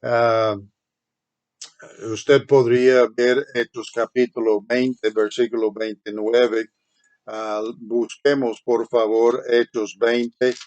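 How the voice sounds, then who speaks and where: A man's voice: medium pitch, flat delivery, takes it slowly, darkish tone. A man teaching a seminary Bible lesson, earnest and hesitant, with many filler sounds and restarts as he addresses his listeners as brethren.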